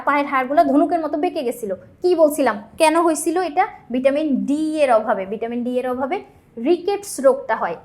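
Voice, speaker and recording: A young woman with a Bangladeshi Bengali accent teaching a biology exam lesson, explaining step by step and answering her own questions. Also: high voice.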